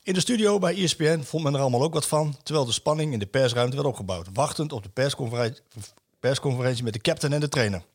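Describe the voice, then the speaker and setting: A man's voice: medium pitch, animated, fast talker, slightly rough. A man hosting a football talk show, chatting and reading a column aloud with hesitant fillers. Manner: hesitant, many fillers, chuckles while reading. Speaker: football radio show host.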